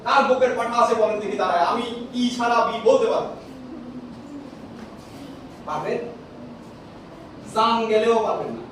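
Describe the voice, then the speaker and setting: A man teaches with call and response, asking questions and having students repeat answers, his extremely high voice a bit bright, at a moderate pace with long pauses. The noisy recording comes from a distant mic in a large, echoey classroom.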